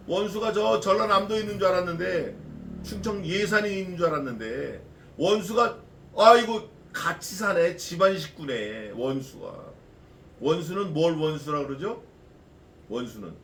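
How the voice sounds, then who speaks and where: A man's voice: fairly high pitch, gravelly, slight background noise. Echoey, folksy male pastor preaching. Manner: folksy, animated preaching with rhetorical questions. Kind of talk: expository sermon. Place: church sanctuary. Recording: echoey church from a distance.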